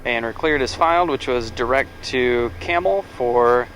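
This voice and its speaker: A man's voice: mid-range voice, measured pace, fairly bright tone, rough recording. A man talks casually and matter-of-factly as a pilot, giving checklist commentary in an aircraft cockpit. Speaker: pilot and presenter. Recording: cockpit audio, faint engine noise.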